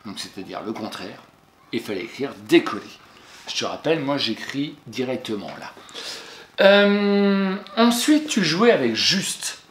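A man's mid-range, somewhat bright voice, with a little hiss or hum in the echoey recording, belongs to a teacher correcting exercise answers for a young pupil. He patiently speaks to the child and spells out words one letter at a time.

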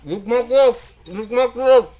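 A young man hosting a gaming video, excitable and often laughing, urging others on while talking with a mouth full of gum. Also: very high voice, slow pace, crowd noise. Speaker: gaming channel host. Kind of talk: casual chat.

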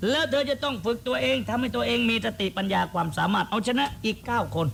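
Puppet-play father, performed by a man: measured, persuasive counsel in a gravelly voice. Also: very high-pitched, fairly bright tone, slight background noise, exaggerated voice. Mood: instructive. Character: earnest, persuasive father figure in shadow puppetry. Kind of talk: shadow-puppet play dialogue.

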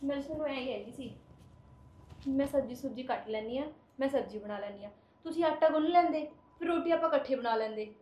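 A woman's voice: high-pitched, quick pace, mellow. An actress playing a jealous, nagging young wife who scolds her husband, in a short drama. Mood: coaxing. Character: sharp-tongued young wife, jealous of family.

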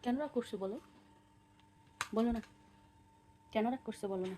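A young mother in a home video, coaxing her toddler to eat with sing-song, gently scolding baby talk. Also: a little high, normal speed, a little hiss or hum.

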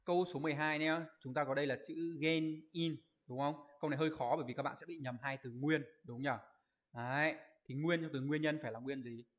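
A man teaching an online Japanese exam review class. He explains each answer step by step, keeps asking his students to confirm, and reads out their comment answers in a quick list. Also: fairly high pitch, fairly even intonation, muffled recording. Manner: explains step by step, asks rhetorical check questions.

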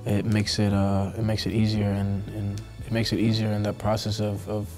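Soft-spoken man, flat low voice. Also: normal speed, soft background music. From Costa Rica. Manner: hesitant, many fillers and restarts. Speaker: professional soccer player. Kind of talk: sit-down interview answers. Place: indoor studio backdrop.

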